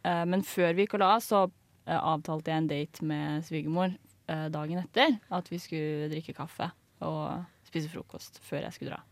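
A woman's voice: sits low, steady tone, dry recording. Young woman, studio co-host, dry close sound, chatty storyteller who laughs often and drops in English. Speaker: radio show co-host. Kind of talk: casual chat and storytelling. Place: radio studio.

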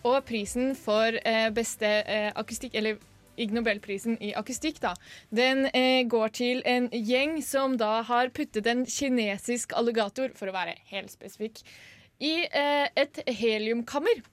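A woman's voice: a little high, no room sound, faint music behind. Giggly woman co-hosting a radio chat. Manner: giggly, rambling explanations. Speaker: radio co-host. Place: radio studio.

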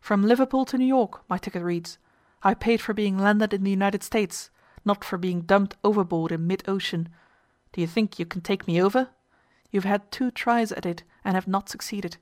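A relentless ghost of a dead man, read by a woman, speaks with icy, mocking insistence. The storybook voice sits mid-pitch and dry, with no room around it. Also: normal speed, darkish tone, no room sound, natural voice. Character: cold, relentless ghost of a dead male passenger.

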